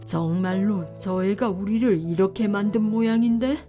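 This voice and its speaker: A woman voicing a father in a children's story, speaking in a measured, fatherly way. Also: medium pitch, warm tone, faint music behind, close to an everyday voice. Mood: reasoning. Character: father trying to stay calm and reasonable. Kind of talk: storybook voice acting.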